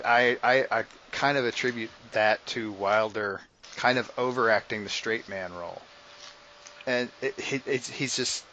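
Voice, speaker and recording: A man's voice: medium pitch, bright, forceful tone, a little hiss or hum, low-quality recording. A man co-hosting a podcast, talking casually in a rambling way with frequent restarts. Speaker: podcast co-host. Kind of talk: casual chat.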